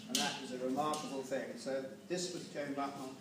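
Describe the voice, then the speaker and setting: An older man delivers an informal memorial speech in a halting, digressive way. He is picked up from a distance in a very reverberant room, with clear background noise. His delivery is unscripted and wanders between asides. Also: medium pitch, level tone. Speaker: family member giving a speech at a memorial gathering. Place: large echoey room with a gathering.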